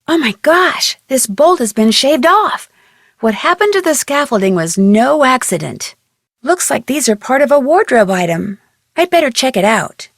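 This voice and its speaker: A young American woman voices an inquisitive, chirpy amateur detective in scripted adventure game lines, musing to herself as she thinks aloud. Her high, lively voice rises and falls, clearly enunciated and exaggerated, sounding excited and startled. The recording is close and dry with no echo.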